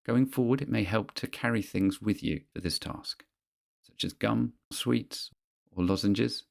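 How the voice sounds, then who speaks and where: A man reading a scripted guided grounding exercise in a measured, instructional manner, pausing between phrases. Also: on the low side, gravelly.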